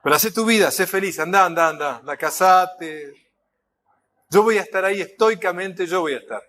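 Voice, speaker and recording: A man's voice: high-pitched, brisk, bright, forceful tone, a little hiss or hum. A man voicing a self-pitying aging parent who guilt-trips a grown child, in a sighing, martyr-like manner. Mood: guilt-tripping.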